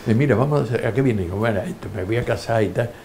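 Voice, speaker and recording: A man's voice: mid-range voice, very fast, a little hiss or hum. An older man in an interview, telling his life stories and acting out the voices of people in them. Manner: lively anecdotes, acting out quoted voices. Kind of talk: storytelling interview.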